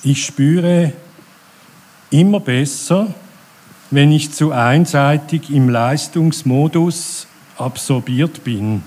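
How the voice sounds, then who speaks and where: Brief: middle-aged male church speaker, very slow and calm, mellow warm tone, sermon delivery. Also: on the high side, slightly rough.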